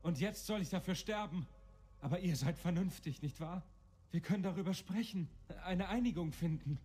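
A man's voice: sits high, normal speed, mellow, breathy edge. An actor playing a self-pitying, entitled fallen nobleman in a fantasy video game. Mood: pleading. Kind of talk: video game character acting.

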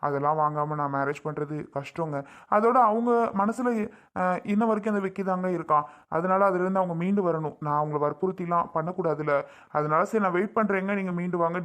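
A woman's voice: sits low, steady tone, brisk, fairly bright tone. A woman acting a firm, reassuring family member in a domestic drama. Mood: earnest. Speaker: actor in a family drama skit.

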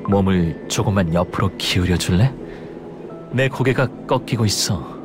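An actor playing a calm, aloof young male space traveler with a cool, deadpan delivery in a game story. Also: low voice, normal speed. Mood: deadpan, weary. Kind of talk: scripted game story dialogue. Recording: music behind the voice.

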